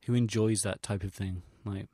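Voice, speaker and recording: A young adult vlogger from England speaks in a fairly low, dark, steady voice at normal speed, recorded close and dry with no room sound. In his casual audio log he rambles hesitantly through recollections, using slangy, sweary, self-deprecating language.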